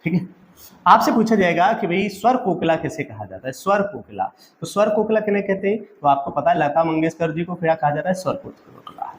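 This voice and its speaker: A man's voice: fairly high pitch, animated, a little fast. A male exam-prep teacher giving a quiz-style lecture. He asks each question, gives the answer, then asks again so the students repeat it, and keeps calling the audience friends.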